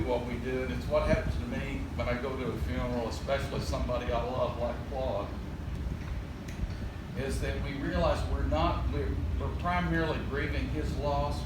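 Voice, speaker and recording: A man delivers an informal, reflective eulogy in a folksy, plainspoken way. His voice sits at an ordinary male pitch and comes from some distance off the mic. It carries a heavy echo, and loud ambient noise runs behind it. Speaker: relative giving a graveside eulogy. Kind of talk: informal spoken eulogy at a graveside. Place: outdoor graveside service, recorded from a distance.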